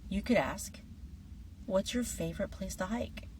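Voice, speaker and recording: A woman teaching an English lesson in a friendly scripted style, lively and dropping now and then to soft whispered asides. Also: medium pitch, a little slow, far from the mic, slight background noise, low-quality recording.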